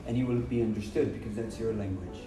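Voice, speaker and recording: Talking fast in a lowish voice with fairly even intonation, this Brazilian English teacher, whose first language is Portuguese, drives his points home with short repeated phrases. The podcast conversation is recorded roomy, from a distant mic, over background music.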